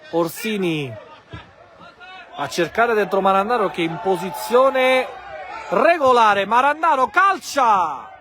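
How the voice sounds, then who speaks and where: A man giving live, excitable football play-by-play, bursting into shouts on chances and goals. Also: high voice, slight background noise. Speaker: football match commentator. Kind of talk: live play-by-play goal commentary. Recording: crowd and music behind commentary.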